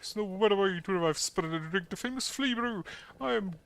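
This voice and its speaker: Guy putting on a hospitable little flea brewer from a game, bright high voice, quaint odd phrasing. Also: fairly quick, vocal fry, clean tone. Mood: jolly, hospitable. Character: jolly, hospitable flea brewer, eager to pour drinks.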